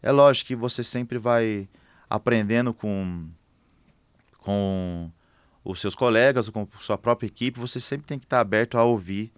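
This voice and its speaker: A man's voice: fairly low pitch, unhurried, clean tone, no room sound, clean studio sound. A man, a construction manager talking casually in a podcast interview, thinking aloud with many fillers and restarts.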